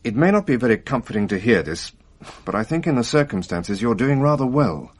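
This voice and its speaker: A male actor with a mid-range voice plays a doctor in a radio drama. He stays calm and matter-of-fact, measured and reassuring, with a slightly wry edge.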